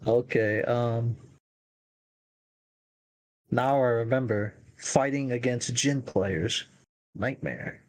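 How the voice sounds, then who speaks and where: A man on a gaming podcast panel in casual chat, giving blunt, quick reactions. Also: mid-range voice, poor audio.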